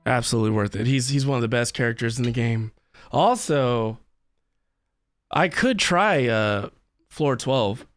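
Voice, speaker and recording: Over game music, a man playing a video game on a casual livestream rambles and thinks aloud to his audience. The recording is dry; his medium-pitched voice has lively intonation and an unhurried pace.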